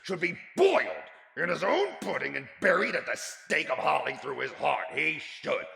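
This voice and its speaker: A man's voice: mid-range voice, huge pitch swings, normal speed, vocal fry, sharp tone, voice pushed up, exaggerated voice. A man voicing a grumpy, indignant old miser, curt and scornful, in an audiobook-style reading of a classic story. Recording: echoey room with long reverb.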